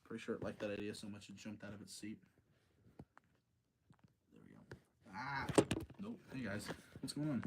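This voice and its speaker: Streaming a live movie-rating chat, this man speaks casually at a moderate pace in a lowish voice with vocal fry and long pauses. He is opinionated, debates himself, and repeats phrases to stress points, all over heavy background noise.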